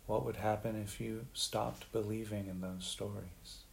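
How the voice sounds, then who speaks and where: A man leading a guided meditation in a gentle, unhurried way, leaving long pauses. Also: fairly low pitch, fairly even intonation, gravelly. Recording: faint background hiss.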